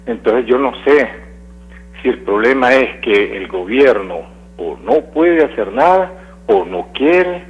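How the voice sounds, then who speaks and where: A radio call-in caller shares his opinion by phone, earnest and hesitant, using fillers, his voice carrying the dull, on-air phone-line sound. He has a mid-range voice with a breathy edge, lively intonation and a slow pace.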